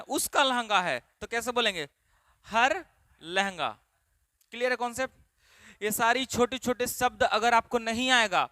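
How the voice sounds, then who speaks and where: A man teaching an English grammar class in Hindi, repeating questions to drill his students and stretching key words slowly. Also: extremely high pitch, pushed and bright, clear, resonant tone, dry recording, studio quality.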